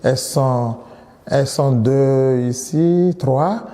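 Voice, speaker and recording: A priest in his thirties, from Nigeria, answers interview questions in a very dark, mellow voice. He speaks in a measured way and often restarts or repeats words. The sound carries a long reverb, as if recorded in a large hall. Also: medium pitch.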